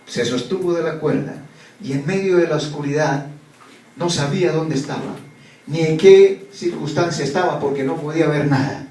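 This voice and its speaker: A male preacher telling a dramatic story in a sermon, moving from hushed tones to loud ones. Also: fairly high pitch, moderate pace. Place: church. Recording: echoey church from a distant mic, faint background noise.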